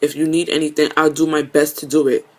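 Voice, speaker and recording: A woman speaking to camera in an emotional confessional video message, earnest and halting, often stumbling over her words. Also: sits low, flat delivery. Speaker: vlogger.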